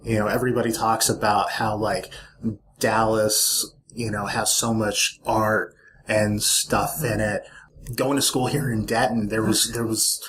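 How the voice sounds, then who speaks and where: A young man from Jamaica hosts a relaxed interview. His voice is fairly low, he speaks in a friendly way, and he mostly adds brief encouraging remarks. A faint hiss of noise sits behind him. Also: measured pace. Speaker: podcast host. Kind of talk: casual interview chat.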